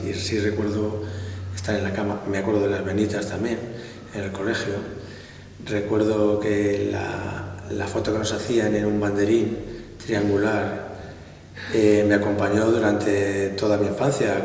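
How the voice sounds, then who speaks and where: A middle-aged army colonel from Spain answers interview questions in a low voice, halting and restarting as he reminisces. He sounds distant from the mic in a big hall with long echo. A faint hum of noise sits underneath. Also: a little mellow. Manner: hesitant, restarts often, reminiscing.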